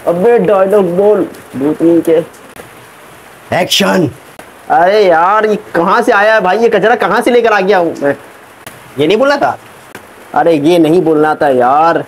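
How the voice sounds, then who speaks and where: Brief: man as an exasperated film director, high-pitched, scolding, barking slow cues. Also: slight background noise, low-quality recording. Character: impatient shouting male film director, adult. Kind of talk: comic short film acting.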